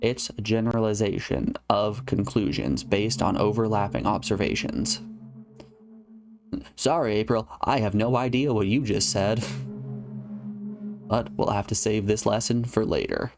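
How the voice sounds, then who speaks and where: A man's voice: fairly low pitch, a little slow, gravelly. A man streaming a video game live, reading its dialogue aloud and chatting with viewers. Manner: chatty, reads game text aloud and talks to chat. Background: game music.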